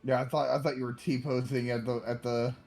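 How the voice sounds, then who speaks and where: A man playing a co-op game with friends, joking around in relaxed banter. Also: mid-range voice, brisk, creaky, soft background music. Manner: joking, laid-back banter. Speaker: co-op game player. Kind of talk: casual gaming chat.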